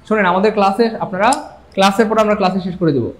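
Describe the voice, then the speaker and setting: A male English grammar teacher giving a live online class, animated and joking, and urging viewers to comment. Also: sits high, racing.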